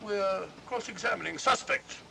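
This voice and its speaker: High-voiced, blustering old Doctor Watson. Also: male voice, normal speed, gravelly, heavily acted. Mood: hesitant, muddled. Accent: British. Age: older. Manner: hesitant, stammering, self-important. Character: bumbling, earnest, indignant old retired doctor, amateur sleuth. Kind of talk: 1940s mystery film acting. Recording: vintage film soundtrack, steady train rumble.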